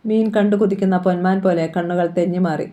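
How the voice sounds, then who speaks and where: Woman reading a novel out loud, low mellow voice, steady and expressive. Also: fairly quick, muffled recording. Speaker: audiobook reader.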